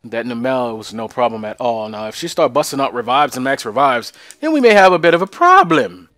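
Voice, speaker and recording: A man's voice: mid-range voice, big pitch swings, brisk, a bit bright, dry recording, studio quality. A young man casually commentating a video game he plays, joking and talking to his viewers. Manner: joking, chatty, talks to viewers. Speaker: let's play host.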